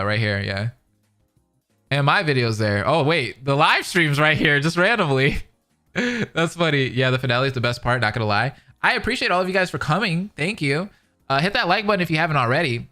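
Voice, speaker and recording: An American streamer and reaction commentator chats casually with his livestream viewers, reading out their comments in a slangy, laid-back way. His voice is mid-range with a sharp tone.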